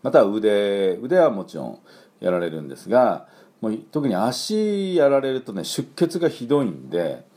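A man's voice: fairly low pitch, big pitch swings, moderate pace, dark tone. A man teaching English pronunciation in a casual spoken lesson, chatty with lots of fillers and repeated sound demonstrations.

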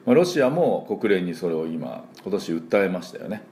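A man hosts a daily spoken English lesson, chatting casually with plenty of fillers and stopping to say words aloud for listeners to copy. His voice sits low, yet his pitch rises and falls a great deal. The tone is soft and mellow rather than bright. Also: very animated, normal speed, slight background noise. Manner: chatty, filler-heavy, models pronunciation aloud. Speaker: English teacher and school principal.

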